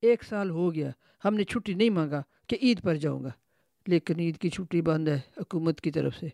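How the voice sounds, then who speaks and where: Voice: mid-range voice, creaky, warm tone, no echo, clean studio sound, close to an everyday voice. A storyteller voicing a blunt, stubborn male servant who speaks in broken grammar.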